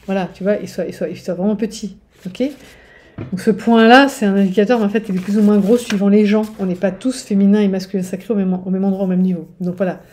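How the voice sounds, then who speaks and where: Woman coach talking straight to listeners, warm dark tone, mid pitch, loose and rambling. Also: steady tone, fast talker. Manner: chatty, keeps checking in with "ok?"; digressive, with restarts. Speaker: spiritual relationship coach. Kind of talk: casual teaching monologue.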